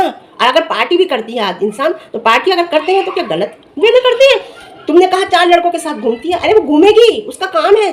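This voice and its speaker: High-voiced woman scolding in a vlog. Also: a little hiss or hum. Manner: animated, scolding, rhetorical questions. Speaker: vlogger. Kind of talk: heated commentary vlog.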